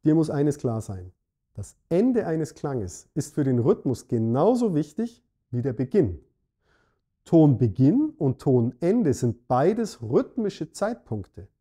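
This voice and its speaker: Lively, dark-voiced German saxophone teacher. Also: male voice, fairly high pitch. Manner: clear, measured explaining addressing the viewer directly. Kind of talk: scripted instructional talk.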